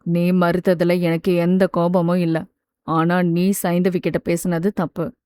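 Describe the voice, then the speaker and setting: A woman voicing a calm, caring young man who reassures a close friend in an audiobook. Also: on the low side, takes it slowly, smooth, no echo, pitched below the performer's own voice. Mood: soothing. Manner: steady, gently reassuring. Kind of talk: audiobook character voice.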